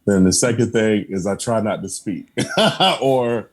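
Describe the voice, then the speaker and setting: A man's voice: lowish voice, a little slow, slightly rough. A man talking as a podcast guest in casual conversation, earnest and emphatic, often repeating his affirmations and laughing between points.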